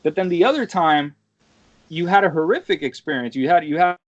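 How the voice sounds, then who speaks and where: A man in his twenties talks in a loose, rambling way, often tagging his points with a quick question and swearing casually. His voice sits a bit high for a man. The recording is dry with no room sound and a muffled, lo-fi tone. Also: lively intonation, no room sound. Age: 20s. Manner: rambling, with frequent "right?" tags and casual swearing. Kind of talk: casual podcast conversation. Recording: dull, dry lo-fi audio.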